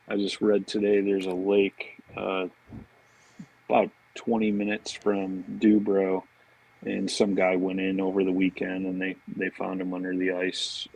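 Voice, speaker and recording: Heard through poor audio with no room sound, a low-pitched, creaky man with a darkish tone tells casual stories. As a podcast guest who works as a fishing marketing director, he keeps it informal and anecdotal, often saying "man" and "you know."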